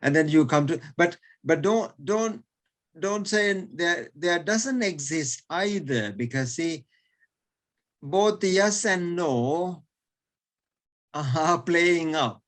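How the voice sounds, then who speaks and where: A man's voice: fairly high pitch, lively intonation, slow pace. A male teacher explaining in an online lesson, hesitant, repeating words with many fillers and chuckling between points.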